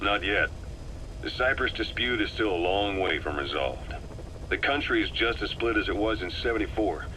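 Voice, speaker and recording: This video game character is a composed military operative briefing a comrade, low-voiced with a hard, bright edge and lively intonation. His delivery is measured and matter-of-fact, captured in a low-quality recording with faint tape noise.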